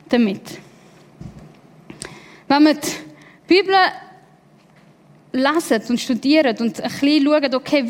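A woman preaching a sermon, driving points home with repeated phrases and rhetorical questions. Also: sits high. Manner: emphatic repetition and rhetorical questions. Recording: long hall reverb.

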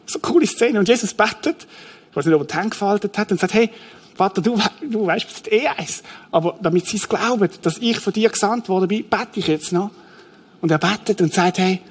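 A man's voice: sits high, a little fast, slightly rough. A middle-aged man preaching a sermon, telling the story vividly and acting out the scene. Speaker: pastor.

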